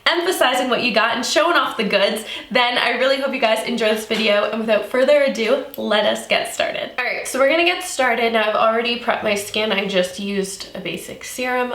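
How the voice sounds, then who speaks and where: A woman's voice: fairly high pitch, a little fast, few pauses, a bit bright. A young woman working as a makeup artist, chatting earnestly and upbeat in a casual beauty tutorial. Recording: echoey room.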